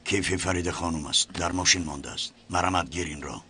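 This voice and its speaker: A man's voice: sits low, sharp tone, slight background noise. A man playing an exasperated husband. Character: worried husband, frustrated with wife.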